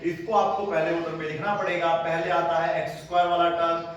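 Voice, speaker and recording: A patient maths teacher with a high voice explains each step of a lesson and keeps checking that his students follow. He is recorded from a distance in a very echoey room with faint ambient sound. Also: flat delivery, brisk, highs cut off. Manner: patient, calls students "beta", checks understanding often.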